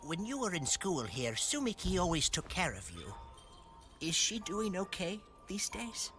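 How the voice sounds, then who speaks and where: A man's voice: high voice, huge pitch swings, measured pace, over music, exaggerated voice. An actor playing a polite, long-serving older male schoolteacher in an anime dub, reminiscing.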